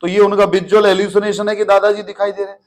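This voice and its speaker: A man's voice: high-pitched, flat delivery, fast. A man teaching a class in a playful, teasing way. He calls his students "beta" and mixes English terms into his talk. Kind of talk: classroom lecture.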